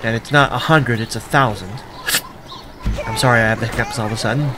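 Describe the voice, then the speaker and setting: Casual gamer commentary, wry offhand man, mid-pitched, faint background hiss. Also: fairly quick. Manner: wry, offhand, muttering asides. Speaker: let's play gamer.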